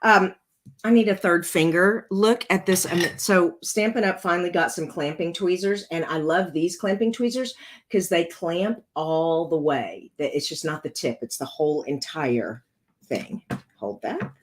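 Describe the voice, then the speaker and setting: As she works on a card, this tutorial host chats casually about each step. She's a woman whose rough, congested voice is fairly low, and she keeps a measured pace.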